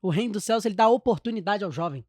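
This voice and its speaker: A man's voice: high-pitched, lively intonation, rapid-fire, darkish tone, no room sound, clean studio sound. A Brazilian man hosting a church podcast, responding to his guest with enthusiastic, reflective remarks. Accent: Brazilian Portuguese. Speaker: podcast host. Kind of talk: conversational interview.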